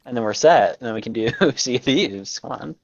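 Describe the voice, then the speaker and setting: A man's voice: mid-range voice, a little fast. A man co-hosting a live gaming stream, rambling eagerly about game updates with plenty of laughter. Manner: excited, rambling gamer talk with frequent laughs. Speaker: gaming podcast co-host. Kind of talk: casual live-stream chat. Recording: dull lo-fi stream audio.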